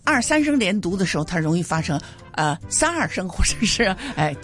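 A woman, a Mandarin teacher, explaining pronunciation with lively examples on a radio lesson. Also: fairly low pitch, a little fast, faint music behind. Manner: animated, laughing, explains with examples.

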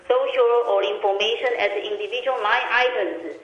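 A woman's voice: medium pitch, steady tone, slight background noise. Woman analyst on an echoey speakerphone. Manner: measured, halting, with frequent fillers. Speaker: research analyst guest. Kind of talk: phone-in radio interview. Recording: echoey, muffled speakerphone line.

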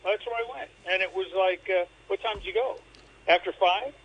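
A man's voice: sits high, normal speed, over a noisy crowd. A man calling in to a radio phone-in over a clipped phone line, talking casually and often restarting his sentences. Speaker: caller. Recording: muffled phone call on radio.

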